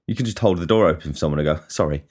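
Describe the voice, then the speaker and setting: A man's voice: low-pitched, racing, a little mellow. An English man hosting a podcast, talking in a casual, rambling and blunt way, swearing freely, poking fun at himself and often stumbling and restarting. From England. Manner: blunt, sweary and self-deprecating, with frequent stutters and restarts. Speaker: podcast host.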